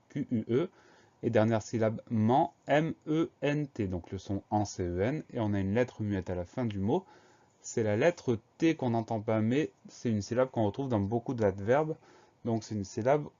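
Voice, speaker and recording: A male teacher with a fairly low, mellow voice walks through a spelling lesson. He explains each word patiently and spells it letter by letter. The recording sounds dull and a little lo-fi. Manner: slow, carefully spells words letter by letter.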